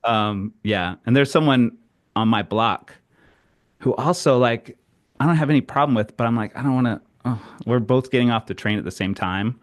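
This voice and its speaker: A man co-hosting a casual podcast, talking in a relaxed way and acting out his own thoughts in quieter asides. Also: medium pitch, normal speed. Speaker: podcast co-host. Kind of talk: casual chat. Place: New York.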